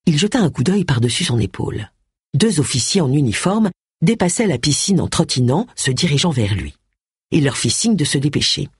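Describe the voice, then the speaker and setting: An audiobook narrator reading a mystery novel in an expressive, varied manner. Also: mid-range voice, brisk, slightly rough, no room sound, studio quality. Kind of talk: scripted narration.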